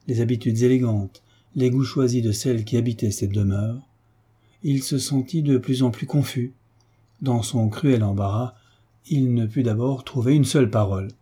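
A man reading a classic novel aloud in a measured, expressive way. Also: medium pitch, husky. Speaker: audiobook narrator. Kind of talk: literary narration.

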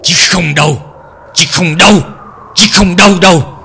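A man's voice: high voice, normal speed, bright, forceful tone, slight background noise. A man voicing a cruel mother who coaxes her daughter and speaks with cold menace. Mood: menacing. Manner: coaxing then coldly menacing.

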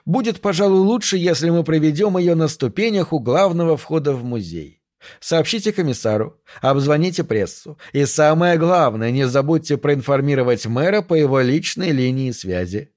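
A man's voice: a little high, lively intonation, moderate pace, a little mellow, pitched above the performer's own voice, close to an everyday voice. A man reading an audiobook, voicing a pompous, self-satisfied police captain who talks grandly and gives orders. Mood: commanding. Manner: grandiose, theatrical, commanding.

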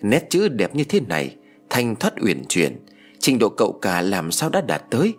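A man narrating an audiobook story in an expressive storytelling manner. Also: lowish voice, normal speed, slightly rough, faint music behind.

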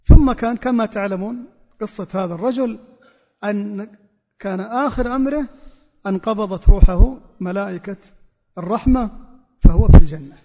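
A man's voice: sits high, moderate pace, pauses often, mellow, big-room sound. A man preacher giving a religious sermon, repeating key phrases for emphasis. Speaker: Islamic preacher.

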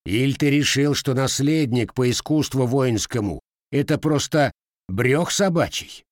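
A man voices a mocking, commanding older cossack at medium pitch and a measured pace, pitched above his own voice yet close to an everyday one. The recording is studio quality with no room sound.

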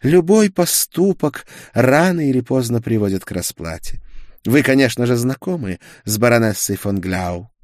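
A man's voice: mid-range voice, expressive, moderate pace, a little mellow, no echo, clean studio sound, voice pushed up, lightly acted. A man reading an audiobook, voicing a proud young witch with a silky, mockingly polite and scornful manner. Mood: scornful politeness. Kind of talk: audiobook character voice.

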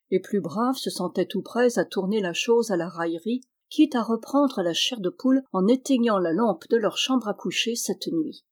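A woman narrating a classic novel as an audiobook reader, with an even, measured reading. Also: medium pitch.

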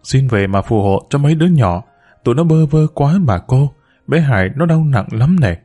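A man's voice: mid-range voice, expressive, moderate pace, mellow, soft background music, close to an everyday voice. A man reading the lines of a worried, devoted woman caretaker in a storybook tale, with a pleading, anxious manner.

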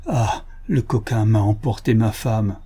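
A man's voice: measured pace, warm tone, slightly rough. A man voicing a frantic husband searching for his missing wife in a read adventure story. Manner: high, frantic cries. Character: frantic male young husband, distraught.

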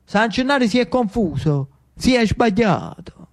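Animated storyteller. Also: mid-range voice, a little slow. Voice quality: animated, ironic, with dialect turns. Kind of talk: theatrical storytelling monologue on radio.

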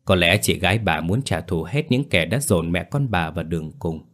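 Male horror narrator, very low and heavy voice, grave dramatic delivery. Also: lively intonation, normal speed, fairly bright tone. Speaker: storyteller. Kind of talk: scripted horror story narration.

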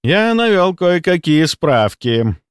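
A man voicing a smug, scheming middle-aged hospital chief who talks in a theatrical, mock-friendly, drawn-out way. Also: on the high side, very animated, no room sound, studio quality, voice pushed up.

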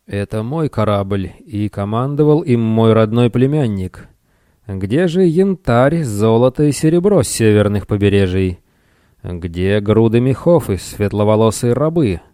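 A man voicing a greedy, scheming merchant with a hoarse voice and a slight lisp, wheedling and menacing in turns. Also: lowish voice, animated, measured pace, mellow, no room sound, studio quality. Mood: indignant.

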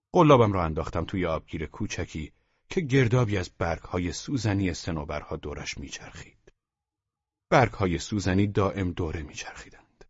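A man narrating a novel as an audiobook in calm, measured storytelling, often softening to a near whisper, on a dull lo-fi recording. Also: sits low, slightly rough, no echo. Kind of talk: scripted literary narration. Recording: dull lo-fi dry studio recording.

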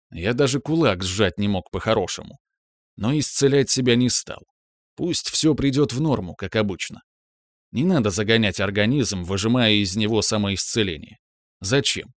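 A man reading a first-person audiobook story in a calm, reflective manner. His voice sits at a middle pitch, and the recording is dry and close. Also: dry recording. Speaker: narrator.

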